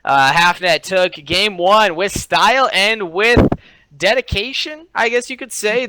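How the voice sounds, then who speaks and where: A man's voice: high-pitched, pushed and bright, clear, resonant tone, poor audio. A man giving esports color commentary, confident and opinionated, with frequent fillers. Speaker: esports co-caster.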